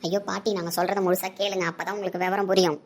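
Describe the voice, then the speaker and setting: Give me a woman playing a polite, grateful wife who explains things quickly and earnestly. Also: lowish voice, level tone, a little hiss or hum, natural voice. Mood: pleading. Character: grateful middle-aged wife, polite and patient. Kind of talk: family drama acting.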